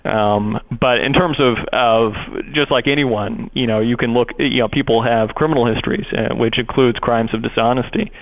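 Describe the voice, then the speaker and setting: On a muffled phone call, a prosecutor explains the procedure at a moderate pace with few pauses, though his wording is verbose and hesitant. The audio is low-bandwidth.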